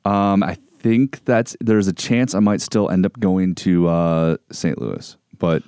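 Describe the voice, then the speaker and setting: A man's voice: sits low, steady tone, takes it slowly, warm tone, smooth, dry recording, studio quality. A man from Wisconsin hosting a podcast, chatting in a laid-back way and swearing casually. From Wisconsin, American Midwest.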